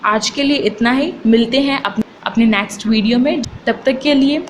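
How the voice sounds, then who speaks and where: A woman teacher gives an exam-prep video lesson. She reads the options slowly and deliberately, then explains them in chatty Hindi. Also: fairly high pitch, a little hiss or hum, low-quality recording.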